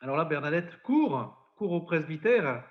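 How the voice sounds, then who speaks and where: Priest telling a story, lo-fi sound. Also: male voice, a little high, sing-song, unhurried. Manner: narrates at length, acts out quotes. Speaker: priest and spiritual adviser. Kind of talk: storytelling in a podcast conversation. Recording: dull lo-fi sound.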